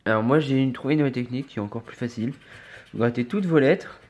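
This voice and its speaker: A scratch card vlogger with a cold chats casually with viewers while scratching lottery tickets, often muttering and spelling out letters one by one. His mid-range voice is fast with a darkish tone.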